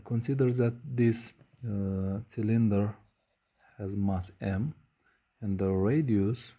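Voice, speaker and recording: Male lecturer, very dark mellow tone, slow and halting delivery with many hesitations. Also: lowish voice, breathy edge. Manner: slow, measured, frequent hesitations with uh. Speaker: physics lecturer. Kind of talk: whiteboard lecture.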